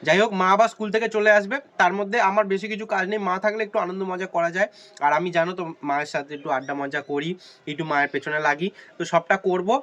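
A young man chatting excitedly to viewers in a casual daily vlog. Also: high-pitched, rapid-fire, lo-fi sound. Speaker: vlogger. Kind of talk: casual vlog chat to camera.

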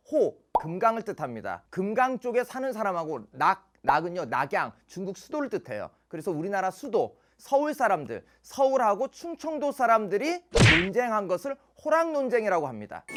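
Lively playful male history lecturer. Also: high-pitched. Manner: playful, punchy, casual asides to students. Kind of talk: exam prep lecture.

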